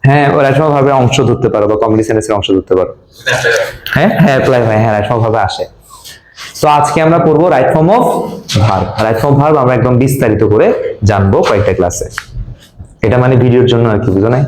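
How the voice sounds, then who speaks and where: A man's voice: mid-range voice, racing, darkish tone, a little hiss or hum. A man with a Bangladeshi Bengali accent teaching an English grammar class, quizzing students and repeating the key words. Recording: echoey classroom.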